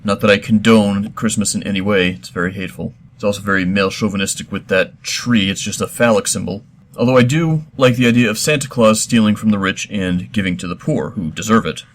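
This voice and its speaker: A middle-aged man hosting a comedy show, answering listener questions in a deadpan, mock-serious, rambling way. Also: lowish voice, fairly quick, slight background noise. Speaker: host.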